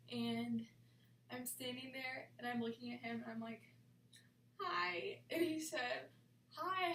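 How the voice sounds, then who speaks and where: A young woman tells a storytime to her camera, excited and dramatic, often dropping to a breathless whisper. Her voice sits slightly high with a gravelly fry. A faint hiss runs underneath. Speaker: vlogger. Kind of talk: storytime vlog.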